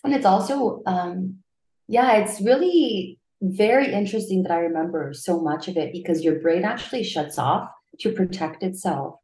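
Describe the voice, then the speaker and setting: A woman's voice: moderate pace, dark tone. Echoey woman recounting an accident. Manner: many fillers, jumps high when quoting herself. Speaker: interview guest. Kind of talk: casual personal storytelling.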